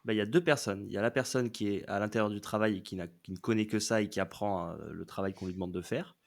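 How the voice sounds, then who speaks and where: A man, a podcast guest, explaining a series in a casual, hesitant way with many pauses. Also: fairly low pitch, steady tone. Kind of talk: casual chat.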